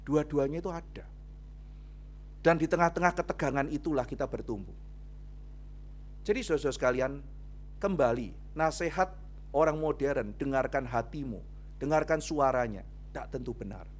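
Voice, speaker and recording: Animated male preacher telling a story. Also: fairly high pitch, moderate pace, pauses often. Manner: animated storytelling, often addressing listeners as brothers and sisters. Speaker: pastor. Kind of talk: sermon. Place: church youth service.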